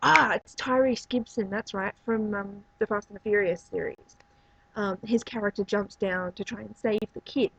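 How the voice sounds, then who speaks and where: Woman reviewer, chatty and meandering, slightly raspy tone, muffled low-fi recording. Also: steady tone, normal speed, fairly bright tone. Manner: rambling, many fillers and restarts. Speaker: movie reviewer. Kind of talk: casual spoken review.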